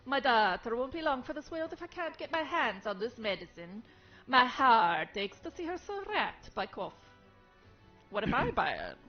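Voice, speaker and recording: Casting: a woman doing a destitute game-world parent with a mock-Italian accent, begging, slightly high, muffled audio and faint music. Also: sing-song, normal speed. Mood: pleading. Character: poor desperate parent of a sick daughter.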